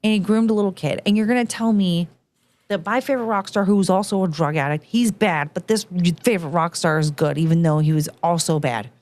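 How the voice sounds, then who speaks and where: A woman's voice: lowish voice, brisk, a little mellow. Woman in her 30s ranting through a story on a late night chat show, gets worked up.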